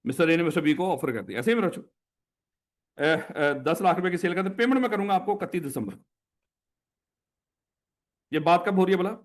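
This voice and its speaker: A man's voice: high voice, lively intonation, a little fast, pauses often. Pakistani-accented male teacher lecturing a class. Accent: Pakistani Urdu. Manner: repetitive questioning, affectionate and teasing.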